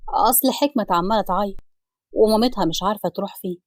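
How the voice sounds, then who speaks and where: Woman as an exasperated Egyptian husband, lowered voice, quick delivery, storybook. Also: no echo, close to an everyday voice. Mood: torn, pleading. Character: frustrated middle-aged husband, torn between family.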